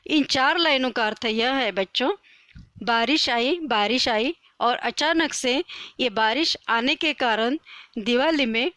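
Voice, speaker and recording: A woman's voice: high-pitched, bright, forceful tone, no room sound. A woman teacher, patiently explaining a poem to children.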